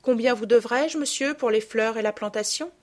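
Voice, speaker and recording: Storybook role: a woman playing a refined noblewoman and mother, calm, tender and polite. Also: fairly high pitch, normal speed, voice pushed up, natural voice.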